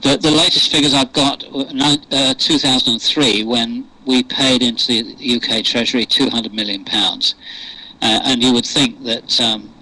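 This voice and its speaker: A man's voice: medium pitch, fairly even intonation, normal speed, bright, forceful tone, a little hiss or hum, poor audio. An older man with a posh English accent, answering interview questions in a hesitant way with many fillers and restarts. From England. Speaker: interview guest. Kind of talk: unscripted radio interview.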